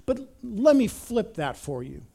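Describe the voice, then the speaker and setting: A middle-aged man preaching a sermon as pastor, telling stories in an animated way and often repeating words. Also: high-pitched, unhurried, gravelly, slightly rough. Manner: animated storytelling, repeats words, acts out quotes.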